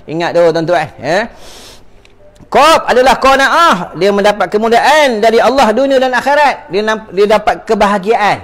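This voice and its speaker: A man's voice: high-pitched, moderate pace. A man with a Malaysian Malay accent giving a religious lecture, repeating phrases and calling out to his listeners. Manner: preachy, repeats phrases, addresses audience as tuan-tuan. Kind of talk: sermon.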